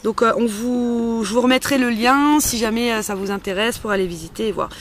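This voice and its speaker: A woman with a slightly high voice talks fairly quickly as she hosts a homemade beauty-care tutorial. Her step-by-step demonstration is chatty, playful and informal, and there's a little background noise.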